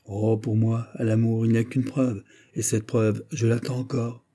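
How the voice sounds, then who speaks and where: A man's voice: mid-range voice, flat delivery, normal speed, warm tone, close to an everyday voice. A man playing a gallant nobleman, an ardent suitor who speaks in pleading courtly phrases.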